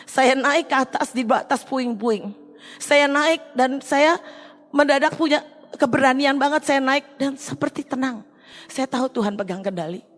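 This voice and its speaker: Lady telling her testimony in church, earnest, kinda halting, higher voice, big echoey hall. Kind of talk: emotional personal testimony. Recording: long hall reverb.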